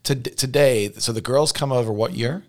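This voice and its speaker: Soft-spoken male interviewer. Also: medium pitch, normal speed. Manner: brief affirmations, gentle questions. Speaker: host.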